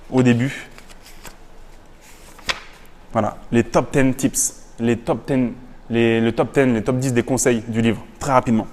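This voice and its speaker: A man summarizing business tips to his viewers in a casual, energetic way, repeating key phrases and reading quotes in English. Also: mid-range voice, long reverb tail. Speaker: business YouTuber. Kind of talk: casual book summary to camera.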